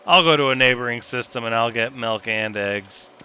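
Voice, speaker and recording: Bright-voiced man musing over a building game. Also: mid-range voice, normal speed, smooth. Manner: thinks aloud, counts, jokes with himself. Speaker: gameplay commentator. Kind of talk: casual gameplay commentary.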